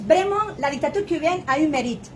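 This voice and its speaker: A woman's voice: high voice, animated, brisk, a little hiss or hum. A woman, a native Spanish speaker, arguing insistently in French with a Cuban accent. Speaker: immigration consultant. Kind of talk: impassioned public argument.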